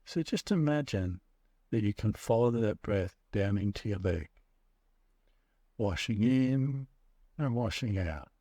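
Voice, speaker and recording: A man narrating a guided meditation as a guide, speaking in a measured, soothing way with pauses between short phrases. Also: on the low side, expressive, mellow, no echo, studio quality.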